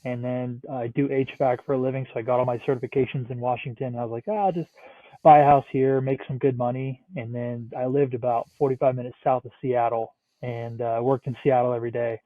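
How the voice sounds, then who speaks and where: A man of about thirty from the Northeastern US, guesting on a podcast in casual interview chat, rambles with plenty of "like" and swears freely. His mid-range voice stays level and fairly quick. The remote line sounds tinny and phone-like, dry with no echo.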